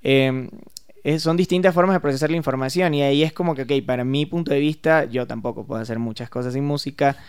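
A man's voice: mid-range voice, fast, clean tone. A man who is a music therapist, explaining ideas in a casual podcast interview, thinking aloud with small hesitations.

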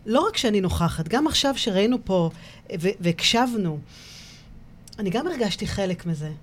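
Israeli woman hosting an interview, mid-pitched, hesitant phrasing, faint hiss behind her. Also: animated. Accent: Israeli Hebrew. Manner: searching, many fillers while shaping questions.

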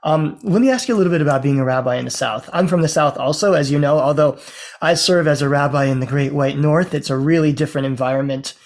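Gravelly-voiced man interviewing. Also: fairly high pitch, fast, darkish tone. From American South. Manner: conversational, asks open questions. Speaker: rabbi and interviewer. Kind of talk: casual interview.

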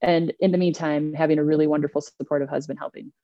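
A middle-aged woman, an interview guest, reflecting candidly on her working life in an animated way, acting out quoted asides. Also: low-pitched, quick pace, dry recording. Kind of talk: candid conversational storytelling. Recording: dull lo-fi dry sound.

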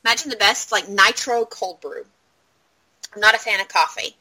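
A woman in her thirties co-hosts a podcast, chatting casually, telling stories dramatically and swearing freely. Her mid-range voice is bright, forceful and slightly rough at a moderate pace, and the audio quality is poor.

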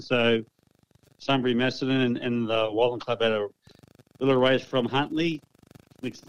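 A man's voice: mid-range voice, slight background noise, rough recording. An Australian man giving results as a guest club official, easygoing and chatty. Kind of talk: casual report.

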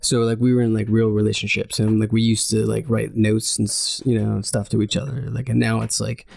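Late-30s male comedian guest, gravelly voice, loose rambling chat full of fillers. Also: lowish voice, little pitch movement, fairly quick, a little mellow. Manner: rambling, heavy on "like" and "you know". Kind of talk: casual chat.

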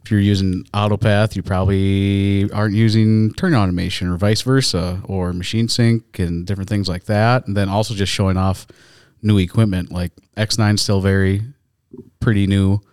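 A man's voice: lowish voice, little pitch movement, moderate pace, a little mellow, clear, resonant tone, dry recording. A man co-hosting a casual podcast in a studio, teasing his partner and laughing easily. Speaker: podcast co-host.

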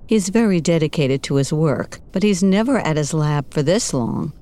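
An actress playing a coy, sultry married client in a parody noir audio drama, speaking softly. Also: female voice, deep voice, expressive, moderate pace. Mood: plaintive. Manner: soft-voiced, coy.

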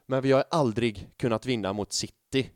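Man in his thirties, animated storyteller, casual podcast chat, mid pitch, dry close sound. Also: dry recording. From Sweden. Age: 30s. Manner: animated storytelling with lots of swearing and fillers. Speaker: podcast co-host.

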